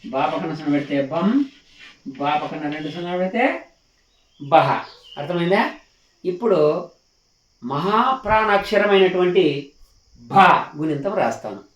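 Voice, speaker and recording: Patient man teaching letter sounds, high voice. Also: animated, normal speed, long pauses, a bit bright, distant mic. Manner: patient, repeats sounds syllable by syllable. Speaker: Telugu teacher. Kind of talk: slow spoken lesson for children. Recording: echoey room, slightly off the mic.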